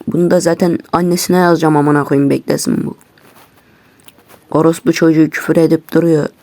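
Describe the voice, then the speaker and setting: Gravelly, profane ranting young-sounding man. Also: fairly high pitch, flat delivery, a little fast, a little mellow, no room sound. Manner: heavily profane, agitated ranting. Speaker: YouTuber. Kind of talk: angry casual rant to viewers. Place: at his computer.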